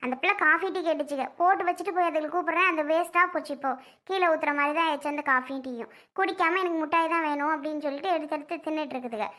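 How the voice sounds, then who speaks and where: A woman voicing a sharp-tongued young mother who defends herself in a family skit. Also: high-pitched, very fast. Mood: defensive. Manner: defensive and complaining.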